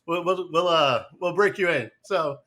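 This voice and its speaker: A man's voice: fairly high pitch, moderate pace, fairly bright tone. A man hosting a casual live podcast interview, talking loosely with many fillers and restarts. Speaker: podcast host.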